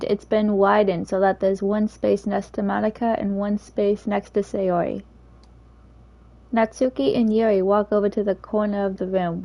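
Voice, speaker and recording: A woman reading a visual novel's narration aloud in a steady, even way. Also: mid-range voice, low-quality recording. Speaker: game reader.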